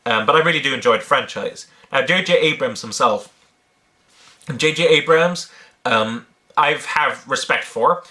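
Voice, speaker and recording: A man from Ireland, an online video creator, takes viewer questions in a mid-range voice at a measured pace, his tone sharp. His accent combines Irish, British and American elements, and he answers in a relaxed, unscripted, hesitant manner, um-ing as he thinks aloud.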